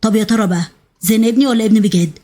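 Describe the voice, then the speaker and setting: A woman voicing a furious, violent young husband with an Egyptian accent, hurling rushed accusations in a storybook reading. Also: on the high side, dark tone, natural voice. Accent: Egyptian Arabic.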